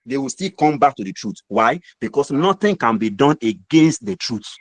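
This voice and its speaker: A middle-aged Nigerian-accented man, a guest mentor, gives a motivational mentoring talk in an emphatic, repetitive, preacher-like way. His medium-pitched voice is expressive and moves at a moderate pace, and the recording has no echo.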